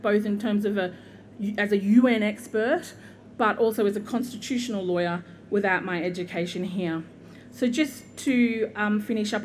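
The commencement address comes from a middle-aged Australian woman, a constitutional lawyer from southeast Queensland, speaking as guest into a podium microphone in an outdoor university courtyard. Her mid-range voice is a little mellow and her manner earnest and measured, peppered with ums and gestures. Slight background noise can be heard.

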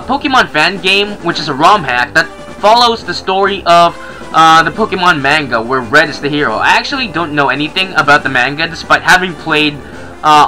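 An excitable young man talking through a game he is playing. His voice is bright and lively, jumping around in pitch as he reacts. Soft music plays in the background. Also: poor audio. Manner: excitable, chatty. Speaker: gaming channel host. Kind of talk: casual let's-play commentary.

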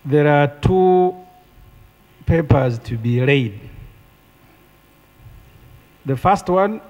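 A man's voice: medium pitch, darkish tone. A middle-aged man with a Ugandan accent arguing a point of procedure in parliament. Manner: argumentative, pointed. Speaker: opposition member of parliament. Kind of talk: parliamentary debate. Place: large parliament chamber. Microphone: desk microphone. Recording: long chamber reverb.

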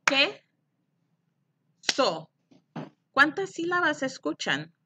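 Middle-aged woman teacher, very slow and deliberate, bright but slightly husky; phonics lesson for small kids. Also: a little high. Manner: slow and deliberate, clapping out syllables.

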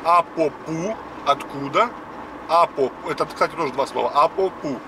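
A man in his fifties hosts a casual spoken lesson from his car, chatting as he explains words one at a time while driving. His voice is fairly high and his pace normal. A dashboard camera picks him up from a distance, along with road noise.

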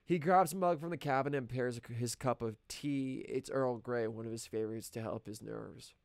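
A man's voice: medium pitch, normal speed, vocal fry, no echo, studio quality. A man, a screenwriter, reading his own script aloud on a live stream and correcting himself as he goes. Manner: reading stage directions aloud, self-correcting.

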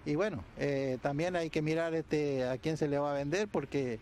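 An Argentine man in his sixties answers a news interviewer in a somewhat high voice. He speaks off the cuff through a face mask into a reporter's handheld mic. The recording is made outdoors, with faint ambient noise behind him. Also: moderate pace, a little mellow. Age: 60s. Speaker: interviewee, head of a rural producers' society. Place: outdoors beside a building.

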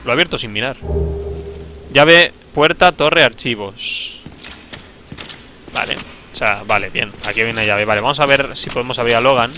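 A man's voice: mid-range voice, fairly quick, pushed and bright, a little hiss or hum. Young man streaming, chatty. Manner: chatty, joking, talking to himself, sudden outbursts. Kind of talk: casual gameplay commentary. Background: game music.

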